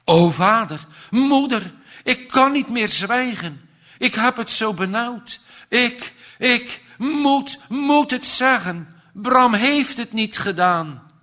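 A man reading aloud voices a feverish, remorseful young boy confessing in a high, pleading voice. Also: expressive, slow, sharp tone, exaggerated voice. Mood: anguished confession. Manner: breathless, pleading, high-pitched. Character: sick remorseful boy, frightened.

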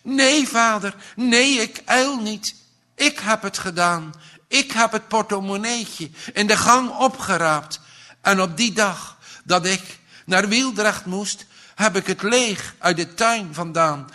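Storybook role: man playing a sick, guilt-ridden boy, high and breathless, slow and bright. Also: heavily acted. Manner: breathless, pleading, high-pitched. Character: sick remorseful boy, frightened.

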